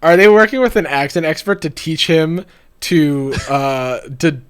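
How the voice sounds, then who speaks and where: A man's voice: on the high side, lively intonation, measured pace, clear, resonant tone. A man streaming a reaction to a TV show, casually chatting with sarcastic, incredulous commentary.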